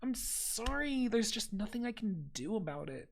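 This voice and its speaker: A man's voice: high voice, big pitch swings, moderate pace, gravelly, a little hiss or hum, pitched above the performer's own voice, heavily acted. A man voicing a brusque female government desk clerk with officious, bureaucratic politeness. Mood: curt.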